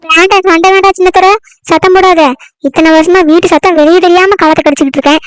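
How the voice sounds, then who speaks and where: A woman's voice: very high voice, fairly even intonation, quick pace, no room sound. A woman playing a scheming mother-in-law in a comedy skit, sweetly pleading and slyly muttering. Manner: soft pleading, then sly muttering.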